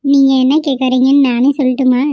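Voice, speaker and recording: A woman's voice: high-pitched, little pitch movement, fast, dry recording, highs cut off, natural voice. A woman voicing a bashful young newlywed wife in a cartoon. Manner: bashful, coy. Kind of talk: cartoon voice acting.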